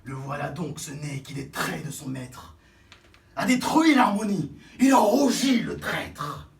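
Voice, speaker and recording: Un acteur jouant un bretteur fier et spirituel, déclamant des vers de théâtre avec emphase, de façon cabotine et flamboyante. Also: male voice, high voice, sing-song, normal speed. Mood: mock-tragic. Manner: hammy, flamboyant, swinging from hushed to bellowed. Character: proud, witty swordsman Cyrano de Bergerac mocking his own nose. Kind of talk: theatrical verse declamation, classical French stage acting. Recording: roomy echo, distant microphone, faint noise.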